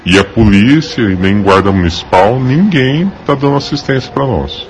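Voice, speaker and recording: A man's voice: medium pitch, expressive, normal speed, a little hiss or hum. A shop owner speaking hesitantly in a street interview, his voice disguised by a voice changer. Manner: hesitant, many filler sounds. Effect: voice altered by a voice changer.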